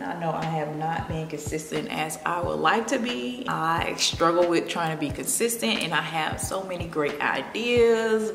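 With a gravelly, low voice and a Memphis Southern accent, this Tennessee beauty vlogger does a chatty get-ready-with-me, relaxed and confiding as she wanders from makeup steps to personal chat. The room, full of plants, is echoey, with music in the background.

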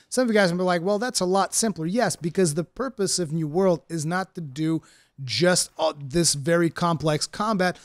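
With a fairly high pitch and clean studio quality free of echo, this gaming streamer from Portugal talks in American-sounding English. He gives casual game review commentary on his first impressions, chatty and packed with fillers.

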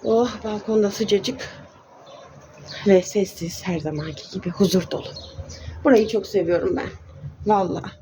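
Chatty woman vlogger, mellow voice. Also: mid-range voice, moderate pace, long pauses, slight background noise. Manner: affectionate, keeps calling viewers dear. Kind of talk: casual chatty vlog.

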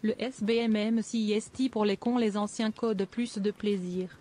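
A synthetic female text-to-speech voice reading out viewer messages in a flat, even way. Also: medium pitch, normal speed.

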